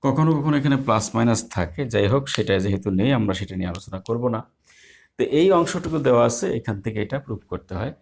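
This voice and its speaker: A man's voice: mid-range voice, expressive, quick pace, creaky, darkish tone. A man teaching a math lesson live online, explaining step by step in a patient way with small hesitations.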